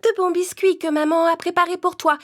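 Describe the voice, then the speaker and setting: A woman's voice: very high-pitched, flat delivery, a little fast. A woman voicing a sweet, plucky little girl in a children's cartoon tale, earnest and childlike. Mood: curious, sweet. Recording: prominent music under the voice.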